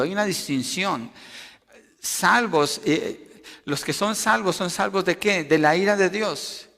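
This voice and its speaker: A man preaching a sermon, emphatic, rising loud for quotations and dropping low to explain. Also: big-room sound. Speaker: pastor.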